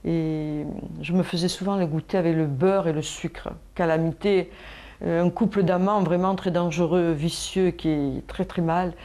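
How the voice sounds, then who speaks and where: A woman from France giving a reflective documentary interview about joining hospital nutrition workshops, pausing often with fillers. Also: on the low side, fairly even intonation, warm tone. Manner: hesitant, reflective, many fillers.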